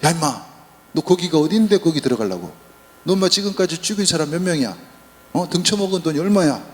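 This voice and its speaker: A man's voice: on the high side, lively intonation, quick pace, voice pushed up, lightly acted. A man voicing an imagined harsh male teacher who scolds bluntly and mockingly. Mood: scolding. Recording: long church reverb.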